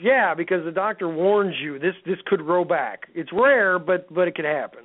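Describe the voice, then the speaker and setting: A man's voice: high voice, lively intonation, moderate pace. A middle-aged man telling rambling stories as a guest in a casual radio chat, with many restarts. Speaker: guest author. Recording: phone-like radio line.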